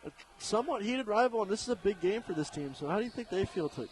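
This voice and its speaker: A man giving relaxed, conversational color commentary on a radio basketball broadcast. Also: high-pitched, slight background noise, low-quality recording. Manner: relaxed, conversational, drawn-out asides.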